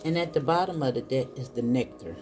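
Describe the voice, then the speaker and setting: A woman's voice: rumbling low, quick pace, background noise. A woman doing a casual spiritual card reading, chatting to her viewers and calling them y'all. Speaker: tarot reader. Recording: soft music in the background.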